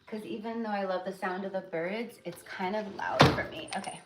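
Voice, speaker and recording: A woman leading a guided energy healing meditation, speaking soothingly and affectionately in drawn-out phrases with pauses. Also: medium pitch, steady tone, very noisy. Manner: affectionate, uses endearments. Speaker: energy healer.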